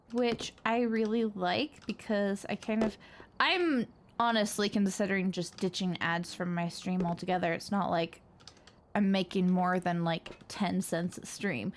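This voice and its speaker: A woman's voice: mid-range voice, slight background noise. A young woman hosting a live gaming stream, chatting casually, laughing often and reacting dramatically. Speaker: streamer host.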